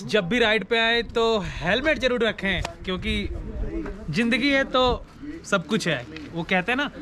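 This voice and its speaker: A man's voice: high voice, lively intonation, measured pace, crowd noise. A man in his thirties hosting a casual motorbike vlog outdoors on mountain roads, chatting with viewers and friends through a helmet camera mic. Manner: chatty, addresses viewers as guys. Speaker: motovlogger host. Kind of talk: casual moto vlog narration. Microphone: helmet or action camera mic. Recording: wind and engine noise outdoors.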